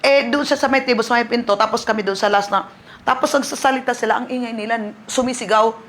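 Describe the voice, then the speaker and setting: Filipino woman pastor preaching, lively. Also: fairly high pitch, fast. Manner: animated storytelling, switching between Tagalog and English. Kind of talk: sermon with personal testimony.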